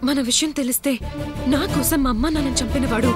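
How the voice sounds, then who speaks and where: A woman's voice: high-pitched, fast, natural voice. An actress playing a young woman trapped by a killer, speaking in a tense, guarded and earnest way. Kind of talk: film drama acting. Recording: film soundtrack with loud music.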